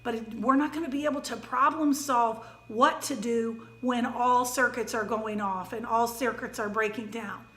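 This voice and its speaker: A woman parenting educator giving a calm, gentle talk with frequent fillers. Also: fairly high pitch, normal speed, hardly any pauses, echoey room.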